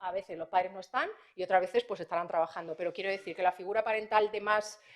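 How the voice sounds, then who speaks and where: A woman prosecutor, giving a conference talk to parents in a lively, anecdotal way, acting out dialogues as she goes. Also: medium pitch, fast.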